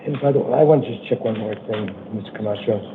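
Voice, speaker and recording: Male judge, American, weak voice, procedural and plain-spoken delivery, thin phone-like sound with faint noise. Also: fairly low pitch. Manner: plain-spoken, informal, halting with repeated checks for understanding. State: weak voice that day. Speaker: judge presiding over initial appearance hearings. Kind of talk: procedural courtroom address, reading charges and release terms. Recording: tinny phone-like courtroom audio, faint noise.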